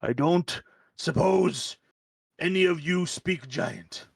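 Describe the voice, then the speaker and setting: A terse old frost giant elder hobbles forward on his cane, as a man puts him on for a tabletop game. His voice sits a little higher than plain talk and comes out slow and halting in broken words, recorded dry with no room echo. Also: creaky, breathy edge, full character voice. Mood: curious.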